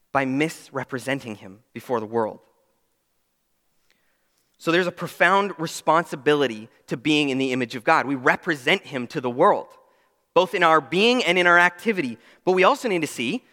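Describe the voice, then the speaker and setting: A man's voice: fairly high pitch, sharp tone. A young adult man preaching a sermon, earnest and emphatic, with self-deprecating asides. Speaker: pastor. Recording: long reverb of a large hall.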